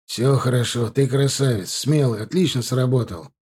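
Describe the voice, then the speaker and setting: A man voicing a blunt elderly man with a raspy voice. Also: medium pitch, normal speed, natural voice. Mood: reassuring. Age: older. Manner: blunt and rough, calmly reassuring.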